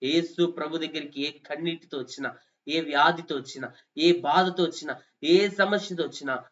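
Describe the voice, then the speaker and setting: Impassioned male preacher, higher voice. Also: normal speed. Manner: impassioned, rising to loud pleading calls. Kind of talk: sermon. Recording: dull lo-fi sound.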